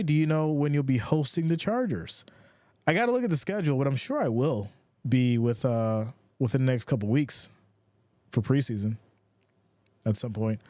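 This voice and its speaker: A man's voice: medium pitch, a little mellow, dry recording. Laid-back man calling football. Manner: laid-back, reads viewer comments between plays. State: has the hiccups. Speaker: livestream football commentator. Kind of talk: casual play-by-play and chat reading.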